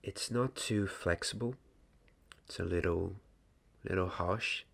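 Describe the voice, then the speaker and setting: Playing a kind apprentice to a wand maker, this young adult speaks in a near-whisper right by the microphone, slow and hesitant in his hushed ASMR roleplay. The voice is low with vocal fry, and there's slight background noise on the small candlelit set.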